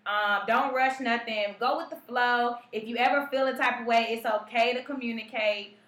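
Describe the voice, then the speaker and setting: A woman's voice: on the high side, steady tone, normal speed, fairly bright tone, reverberant. A woman co-hosting a casual live-stream talk show, blunt and slangy, reading out viewer comments. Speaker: co-host.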